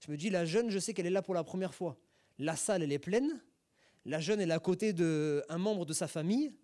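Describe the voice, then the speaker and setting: A man's voice: high-pitched, animated, fairly quick, dark tone. A middle-aged man, a pastor, teaching a sermon in a conversational way with many asides and rhetorical questions. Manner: acts out short sung and spoken examples. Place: church hall.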